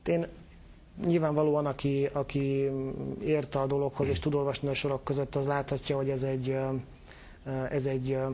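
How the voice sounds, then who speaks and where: A man's voice: mid-range voice, flat delivery, darkish tone, a little hiss or hum. A man answering interview questions as a government official, hesitant and full of filler sounds.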